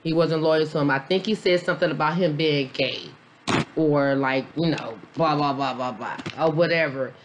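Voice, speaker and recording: A mom vlogger reviews a documentary in a casual reaction, her low voice at normal speed with background noise behind it. A little tipsy after a beer, she is blunt and profane, rambling with lots of fillers.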